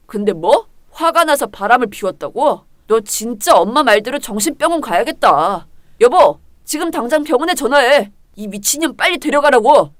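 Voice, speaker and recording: A woman voicing an angry older brother who talks gruffly and coldly. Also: a bit bright, no echo, studio quality. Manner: gruff, cold, lowered voice.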